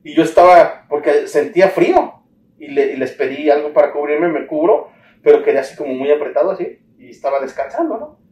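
A man's voice: fairly high pitch, a little fast, a little hiss or hum. Mexican man telling his story animatedly. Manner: animated storytelling, acts out the dialogue he recalls. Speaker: interviewee. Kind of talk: personal account in an interview. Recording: roomy echo, distant mic, faint ambience.

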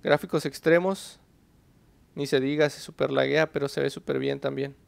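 Gravelly man narrating gameplay. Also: mid-range voice, steady tone, moderate pace, dry recording. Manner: chatty, talks to himself and the viewer while playing. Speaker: gaming channel host. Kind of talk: casual gameplay commentary.

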